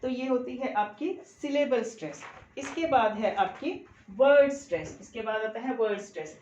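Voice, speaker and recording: A woman's voice: fairly high pitch, lively intonation, moderate pace, darkish tone, slight background noise. A woman with an Indian accent, giving a classroom lecture and patiently restating each point several times. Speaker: teacher-education lecturer. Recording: roomy echo.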